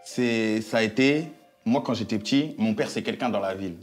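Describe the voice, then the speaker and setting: A man hosting a relaxed chat with friends over dinner, talking in slang and repeating his phrases. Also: lowish voice, normal speed, faint music behind. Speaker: host.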